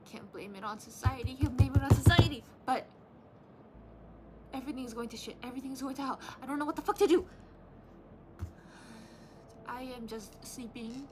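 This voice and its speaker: A woman's voice: medium pitch, background noise. An eighteen-year-old woman talking candidly in her vlog, venting with frustration and swearing freely. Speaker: vlogger.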